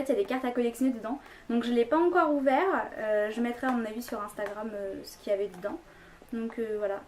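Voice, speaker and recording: A young woman chats her way through a shopping haul at home, rambling and full of fillers. Her voice sits a little high. A faint hiss runs under the recording. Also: dark tone. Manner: chatty, rambling, many fillers. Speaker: vlogger. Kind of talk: casual haul vlog.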